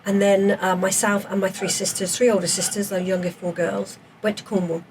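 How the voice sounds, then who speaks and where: A woman in her fifties tells her story at a quick clip, lively and chatty as a podcast guest. She sits a little back from the mic. A faint hiss hangs behind her. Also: medium pitch, distant mic. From England, raised in South Africa. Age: 50s. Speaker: podcast guest, former police officer. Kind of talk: casual interview chat.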